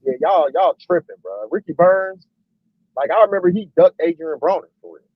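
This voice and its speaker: A man's voice: on the high side, big pitch swings, normal speed, breathy edge. A man calling in to a casual sports debate over choppy, breaking-up call audio, rambling and leaning on fillers. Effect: breaking-up online call audio. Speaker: panelist calling in. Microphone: remote call mic. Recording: muffled, dry call line.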